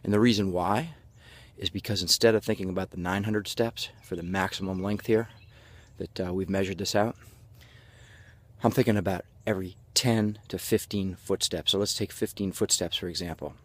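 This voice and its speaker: Walking and breathless from exertion, a low-pitched motivational coach delivers a halftime pep speech to camera at normal speed with a steady tone. He's folksy and jokey, narrating himself in the third person.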